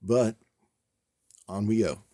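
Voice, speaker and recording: A man with a lowish, mellow voice talks through a model kit build in a relaxed, rambling way, full of fillers and small laughs. His delivery is a touch stiff, almost robotic. The sound is dry and close, with no room echo. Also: slow pace. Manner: rambling, self-deprecating, many fillers and chuckles. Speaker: scale model builder and channel host. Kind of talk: casual build video narration.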